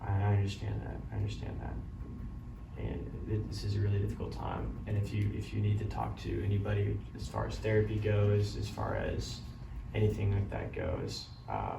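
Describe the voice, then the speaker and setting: A man playing a caring doctor who breaks bad news gently, apologetically and haltingly in a role-played consultation. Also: on the low side, animated, creaky. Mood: gentle, apologetic. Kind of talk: amateur role-play of a medical consultation. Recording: roomy, distant mic, loud background noise.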